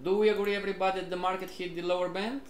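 A high-pitched man speaks rapid-fire and flat as he teaches a live online trading class in a reverberant space. Repetitive and questioning, he prompts his students as a group over and over.

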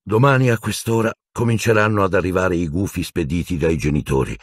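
A man voicing a gentle, weary middle-aged teacher who speaks softly and sighs with resignation. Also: sits low, fairly quick, dry recording. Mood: resigned, weary. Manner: soft, sighing, resigned.

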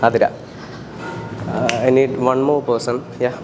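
A man works a crowd outdoors as a street mentalist, guiding volunteers in a calm, coaxing tone. His voice sits at an ordinary middle pitch. Clear street noise runs behind him. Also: very slow. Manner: calm, coaxing, repeats soothing instructions. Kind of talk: street performance patter with spectators. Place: outdoors in public.

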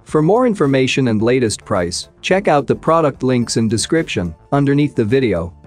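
A man's voice: medium pitch, sing-song, moderate pace, soft background music. Man reading a product countdown. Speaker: product review narrator. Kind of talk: scripted voice-over narration.

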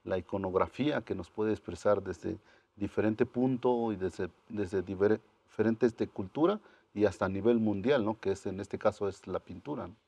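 A soft-spoken young man with a low voice, a guest artist from Oaxaca, Mexico, whose first language is Mazatec, talks at a moderate pace on an indoor TV studio set. He sounds calm and searching, using many fillers, and is recorded on a lapel mic with no room sound.

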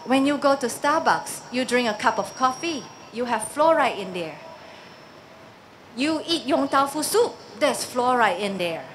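A Singaporean woman in her forties speaks into a stand microphone at an outdoor rally, her voice sitting a little high. She talks with rising conviction and keeps putting pointed questions to her listeners. Faint open-air sound hangs behind her. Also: expressive, measured pace, fairly bright tone, a little hiss or hum. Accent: Singaporean English. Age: 40s. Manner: impassioned, emphatic, with rising force and rhetorical questions. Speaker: protest speaker. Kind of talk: outdoor public speech. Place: outdoor park stage.

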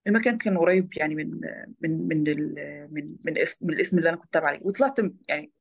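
Rapid-talking Egyptian woman. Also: sits low, creaky, breathy edge. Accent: Egyptian Arabic. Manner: rapid, tumbling storytelling. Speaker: guest, former lawyer turned photojournalist. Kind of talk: recounting personal experiences in an interview.

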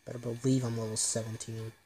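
A woman's voice: a bass voice, little pitch movement, fast talker, dark tone, a little hiss or hum. A woman casually commenting on her own gameplay, chatty and self-mocking. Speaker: gameplay streamer. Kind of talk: casual let's-play commentary.

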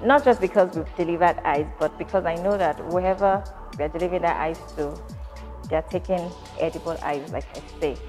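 A company founder from Nigeria, in her thirties, gives thoughtful, measured interview answers laced with fillers, recorded in a large factory hall. Her lowish voice is a little mellow, with faint music in the background.

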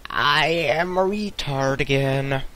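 A young man commenting on his own gameplay in a casual let's-play, muttering to himself, swearing often and breaking into sudden loud outbursts. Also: mid-range voice, slow, a little hiss or hum. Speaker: gamer narrating his play.

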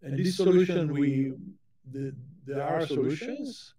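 A man speaks at a leisurely, unhurried pace, delivering a technical keynote lecture to a conference. His voice is dark and mellow. He often stops and restarts, repeating small words as he gathers his next point. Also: fairly high pitch.

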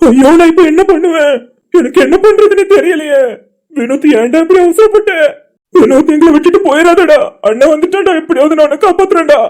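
A woman's voice: high-pitched, lively intonation, fast, darkish tone, faint music behind. A woman voicing an anxious young man in an amateur cartoon, talking in a frantic, pleading way. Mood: sobbing. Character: young man, anxious, devoted older brother.

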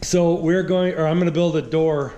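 Working away in a big garage shop, a thirties-something man hosts a casual woodworking vlog, chatting cheerfully as he goes. His voice is a little high, steady and dark-toned at a moderate pace, and the action-camera recording sounds muffled. Music sits behind the echoey garage sound.

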